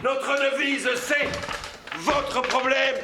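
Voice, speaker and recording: A man's voice: very high voice, fairly even intonation, drawn-out words, heavily acted. A man playing a stammering, pushy charity volunteer. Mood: insistent chatter. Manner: stammering, repeats himself, lectures in slogans. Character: pushy, long-winded male charity volunteer. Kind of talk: stage comedy acting. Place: theatre stage. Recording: echoey theatre hall, background noise.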